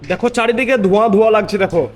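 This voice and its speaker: A high-pitched, racing male voice with a Bengali accent and a cold, vlogging casually to camera over soft background music. He's a construction site labour supervisor who rambles and repeats phrases while walking busy streets and a building site, with street and construction noise in the background.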